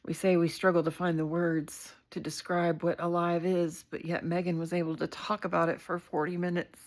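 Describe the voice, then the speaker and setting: A woman's voice: lowish voice, level tone, normal speed. A woman hosting a casual live video, speaking in a heartfelt, candid way with frequent fillers and the odd swear word. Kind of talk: casual livestream talk.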